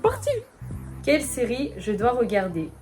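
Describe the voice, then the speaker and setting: A young woman vlogging casually, chatty and self-mocking, quick to exclaim. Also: mid-range voice, a little mellow, faint music behind. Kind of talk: casual vlog chat.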